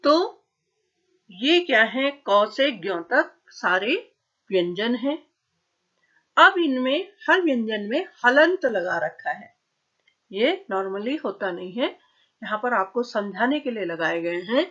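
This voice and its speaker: A woman's voice: fairly high pitch, very animated, slow pace, pushed and bright, muffled recording. A woman teacher giving a grammar lesson, patiently asking questions and answering them herself. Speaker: school teacher.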